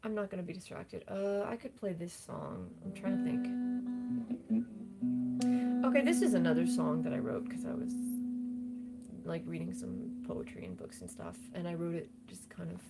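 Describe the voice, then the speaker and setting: A woman's voice: on the low side, big pitch swings, moderate pace, creaky, long pauses, over loud music. A young woman chatting casually on a livestream in a rambling, self-deprecating way. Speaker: livestream host, singer-songwriter.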